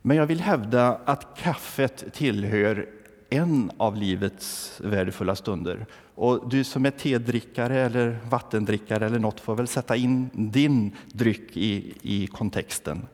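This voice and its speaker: A man's voice: medium pitch, darkish tone, big-room sound. A man from southern Värmland preaching a humorous sermon, telling stories with a wry touch and asking the congregation questions. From southern Värmland, Sweden. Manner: wry storytelling, asks the congregation. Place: church.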